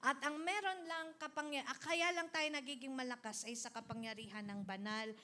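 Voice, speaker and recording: Bright-voiced Filipino woman preaching. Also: sits high, steady tone, normal speed. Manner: switches between Tagalog and English, repeating lines for the congregation; emphatic, rising to loud exhortations. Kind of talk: sermon.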